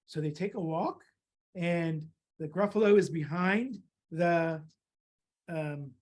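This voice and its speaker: A woman reading a children's story aloud and drawing along, lively and laughing, jumping into small character voices. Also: on the low side, slow pace. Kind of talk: storytime read-aloud for kids.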